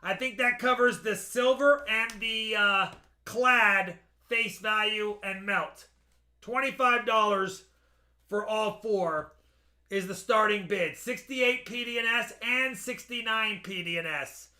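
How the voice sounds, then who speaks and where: A man gives a casual live auction sales pitch in an unusually high, bright voice. He takes his time and repeats details carefully for buyers. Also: slow. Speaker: host selling coins by live auction.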